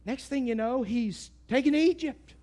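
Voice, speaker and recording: A man with an East Texas accent preaching a sermon in a folksy, emphatic way, swinging from loud bursts to hushed asides. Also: very high-pitched, moderate pace.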